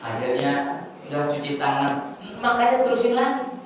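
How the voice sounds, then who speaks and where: Male preacher, high and lively delivery, jokey, recorded from a distance in an echoey hall. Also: normal speed, noisy background. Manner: animated, jokey, acts out scenes. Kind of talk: humorous religious lecture. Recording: echoey hall from far off with faint ambience.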